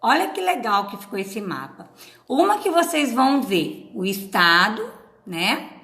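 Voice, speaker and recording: A patient woman teacher with a Paraná Portuguese accent, drawing out syllables for children. Her voice is bright, lively in pitch, and unhurried. It is recorded in an echoey room. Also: gravelly. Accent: Brazilian Portuguese from Paraná. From Paraná, Brazil. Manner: patient, drawn-out syllables, frequent "tá?". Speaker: schoolteacher. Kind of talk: recorded remote class for children.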